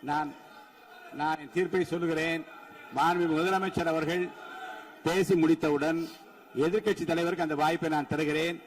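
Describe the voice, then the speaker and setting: A man's voice: a little high, fairly even intonation, normal speed, pauses often. A man with a Tamil Nadu accent chairing the state assembly, formal and firm, repeatedly ordering members to sit down and keep order. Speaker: speaker of the assembly chairing the session.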